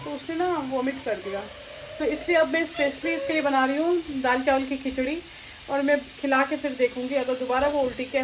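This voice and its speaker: Woman, 30s, mother and family vlogger, casual and chatty to camera, higher voice, noisy recording. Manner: chatty, addresses viewers as friends. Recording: loud background noise.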